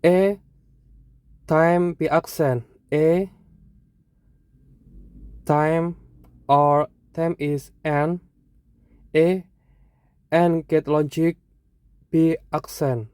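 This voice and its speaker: A teacher with an Indonesian accent, explaining a lesson in short, halting phrases and correcting themselves. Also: mid-range voice, fairly even intonation, darkish tone, smooth, dry recording.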